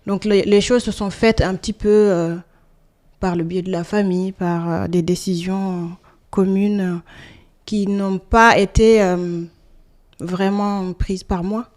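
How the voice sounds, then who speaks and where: A woman around forty from Senegal, answering interview questions in a hesitant, soft-spoken way with many pauses. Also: medium pitch, steady tone. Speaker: guest.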